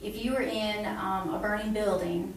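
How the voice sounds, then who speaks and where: Steady in tone and moderate in pace, this middle-aged woman's mid-range voice guides a patient through a clinical exam as she demonstrates it as a nursing instructor, naming each step aloud. It's filmed in a small block-walled exam room by a camera a few feet away, so the audio is roomy, distant, and faintly noisy.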